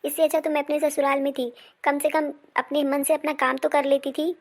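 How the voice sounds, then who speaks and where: A woman's voice: high voice, little pitch movement, brisk, darkish tone. A woman playing a spoiled, demanding married daughter who is visiting home. She speaks in a whiny, bossy way in an amateur family drama.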